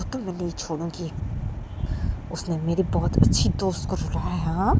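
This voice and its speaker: A woman's voice: fairly low pitch, noisy background, lightly acted. A woman voicing a fiercely protective young woman friend who insists over and over that she won't let it happen. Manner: insistent, repeats her vows over and over.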